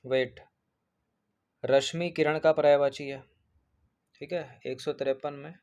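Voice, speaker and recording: A man's voice: fairly high pitch, steady tone, unhurried, darkish tone. A man working through an exam paper as a teacher, going point by point, repeating each answer and checking in with his students.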